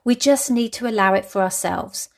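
A woman's voice: on the high side, normal speed. A woman giving scripted self-help advice as a mindset coach, in a tidy, orderly and encouraging way.

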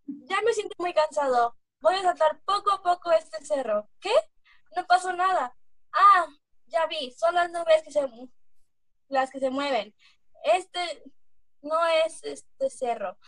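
A woman's voice: very high voice, slow pace, a bit bright, no room sound, full character voice. A woman voicing a blustering hungry coyote. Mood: strained. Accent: Mexican Spanish. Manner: blustering threats, stumbling over lines. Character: hungry, gullible, hot-tempered male coyote. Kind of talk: amateur read-aloud folk tale acting.

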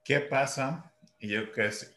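A man hosts an interview and shares reflective anecdotes about learning languages. His voice is at a middle pitch and carries the echo of a roomy space. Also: slow, gravelly, a bit bright. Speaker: interview host, English teacher. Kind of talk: interview conversation.

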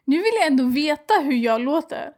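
A woman's voice: high voice, animated, darkish tone. A young woman co-hosting a casual podcast, teasing her co-host and laughing often. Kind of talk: casual chat.

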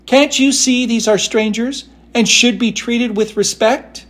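A man voicing a timid, fragile young china princess who speaks delicately and slowly. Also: very high-pitched, fairly even intonation, fairly bright tone, voice pushed up, heavily acted. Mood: prim. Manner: frightened, pleading, slow and delicate.

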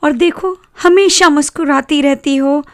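Woman doing a high cooing little sister. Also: measured pace, fairly bright tone, dry recording, clean studio sound. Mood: tender coaxing. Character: young girl, tender and protective of her doll.

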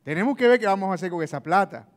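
A man's voice: sits high, lively intonation, very fast. A man voicing a defensive, sarcastic husband in a money argument, full of indignant retorts.

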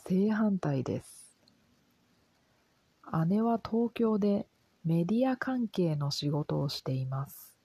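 A soft-spoken woman reading a simple lesson for language learners in a calm, gentle, careful way. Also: on the low side, takes it slowly, long pauses, breathy edge, no room sound, rough recording. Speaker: Japanese language teacher.

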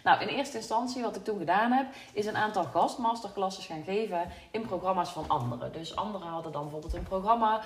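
A woman's voice: medium pitch, fast, few pauses. A woman from Brabant with a Brabant Dutch accent, hosting a podcast and talking candidly and reflectively, with many fillers. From Brabant, Netherlands. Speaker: podcast host, business coach. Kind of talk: casual solo podcast monologue.

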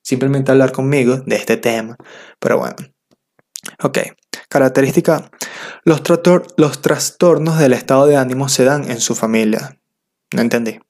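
A man's voice: mid-range voice, normal speed, darkish tone. A young man from Venezuela with a Venezuelan accent, talking to the camera in a casual, slangy, self-mocking comic monologue. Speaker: vlogger.

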